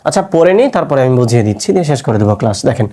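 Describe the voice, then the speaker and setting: A man teaching a Quran recitation class, explaining patiently and stretching letter sounds to demonstrate, tired from fasting. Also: mid-range voice, expressive, warm tone.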